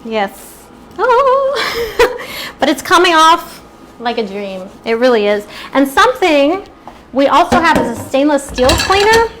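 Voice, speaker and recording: A bright, upbeat woman walks viewers through a live cooking demo in a friendly, chatty way, drifting slightly off the mic as she moves around the stove. Her voice sits a little high, with a faint hiss of background noise under it. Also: big pitch swings, slow pace. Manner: chatty, upbeat, eating while talking. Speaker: cooking demonstrator.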